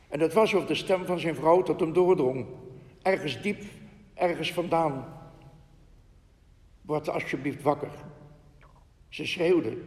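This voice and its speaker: A man gives a reflective spiritual talk and reads passages aloud, earnest in tone. His voice sits a little high. The sound has the long reverb of a large hall. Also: darkish tone. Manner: earnest, reflective, with frequent "hè" asides. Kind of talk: spiritual talk with read quotations.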